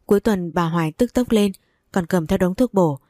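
Female storyteller, low and dark, dry close sound, steady first-person reading. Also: normal speed, no echo. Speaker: story narrator.

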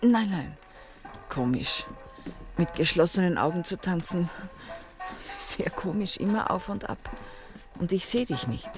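An actress playing a fragile, dreamy young expectant mother in a radio drama, speaking in a hushed, faltering way. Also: fairly low pitch, expressive, a little slow, long pauses. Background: dance music from a gramophone.

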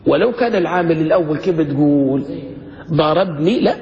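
A man's voice: on the high side, lively intonation. Man teaching grammar, echoing. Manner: asks students questions, slows to spell out examples. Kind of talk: classroom lesson. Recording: dull lo-fi recording with long reverb.

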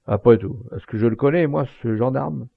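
A man's voice: fairly low pitch, animated, normal speed, vocal fry, breathy edge, no room sound, heavily acted. A man voicing a dignified old father, firm and plain-spoken, in a slightly muffled home recording. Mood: stern.

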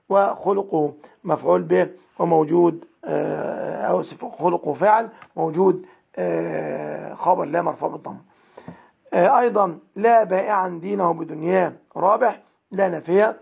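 A man with an Egyptian accent and a high-sitting, gravelly, husky voice teaches an Arabic grammar lesson. He methodically parses example sentences word by word, captured in a dull lo-fi recording.

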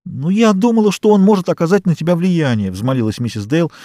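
Male reader as a pleading, distraught mother, pitched up, dark-toned. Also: expressive, fairly quick, no echo, clean studio sound. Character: anxious pleading middle-aged mother. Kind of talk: audiobook character reading.

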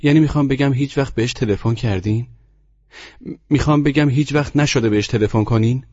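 A man's voice: medium pitch, warm tone, highs cut off, voice pushed up, natural voice. A man voicing an inquisitive, polite teenage girl who keeps asking questions in an audiobook story. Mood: curious. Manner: persistent, questioning.

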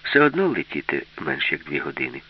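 A man narrating a children's science fiction story in an expressive storytelling manner. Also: extremely low pitch, a little fast, breathy edge. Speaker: audiobook narrator. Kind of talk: scripted narration. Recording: dull lo-fi recording.

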